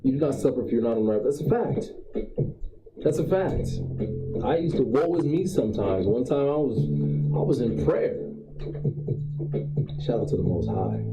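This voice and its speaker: A man's voice: mid-range voice, lo-fi sound. A man streaming live, giving a rambling, preachy pep talk and repeating his points for emphasis. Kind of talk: casual motivational monologue. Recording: roomy sound with faint guitar music behind.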